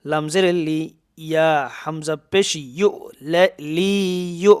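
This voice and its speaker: A man teaching Quran reading, spelling out syllables and chanting verses slowly between quick explanations. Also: on the high side, steady tone, clear, resonant tone.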